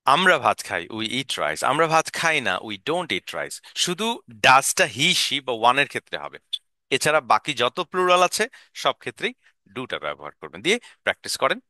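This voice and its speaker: A man teaching an English lesson, drilling short sentences and asking learners to repeat after him. His pitch swings widely as he talks, and the tone is very bright. The sound is dry, close to the mic. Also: very animated, moderate pace, dry recording.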